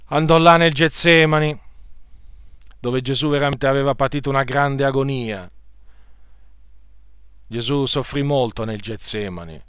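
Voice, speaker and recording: A man's voice: medium pitch, a little slow, long pauses, fairly bright tone, clear, resonant tone, dry recording. A man preaching a sermon, earnestly retelling a scripture story and repeating phrases for emphasis.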